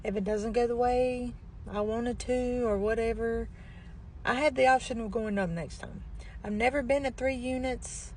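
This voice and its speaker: A middle-aged woman chatting casually in a plain-spoken, folksy way, with a weak, barely audible voice that cannot get loud. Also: fairly even intonation, moderate pace, slight background noise. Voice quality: weak, low-volume voice, barely projecting. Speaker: vlogger. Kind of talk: casual chat.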